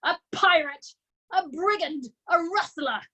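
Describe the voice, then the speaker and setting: A woman booming as the tyrant headmistress Trunchbull. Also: slow pace, full character voice. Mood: furious. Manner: barking, shouting, theatrical.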